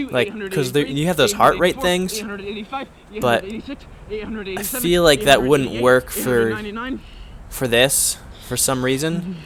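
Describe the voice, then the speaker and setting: Rambling man narrating his vlog. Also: medium pitch. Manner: rambling, filler-heavy, self-mocking. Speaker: vlogger. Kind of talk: casual voice-over commentary.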